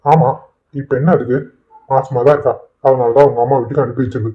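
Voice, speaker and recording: A man's voice: medium pitch, steady tone, fast, close to an everyday voice. A man voicing an exasperated adult son in a cartoon, answering his mother curtly and irritably. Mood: irritated. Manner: irritated, curt. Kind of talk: Tamil cartoon voice acting. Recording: tinny phone-like lo-fi audio.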